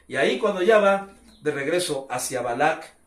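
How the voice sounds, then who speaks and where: Mexican pastor preaching in an echoey church. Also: male voice, a little high, lively intonation, normal speed. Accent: Mexican Spanish. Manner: storytelling, acting out the characters with raised voice. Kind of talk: sermon. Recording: echoey church room, voice from far off.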